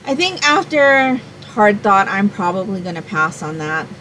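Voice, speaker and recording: A woman's voice: medium pitch, big pitch swings, unhurried, pushed and bright, a little hiss or hum, poor audio. A woman in her forties, from Hawaii, chatting to camera as a home fragrance vlogger in a small room at home, rambling and thinking aloud. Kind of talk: casual chat to camera.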